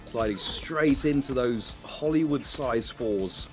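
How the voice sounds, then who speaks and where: A man's voice: mid-range voice, slow, music in the background. A man giving color commentary on a fighting game match, wry and joking, full of technical analysis.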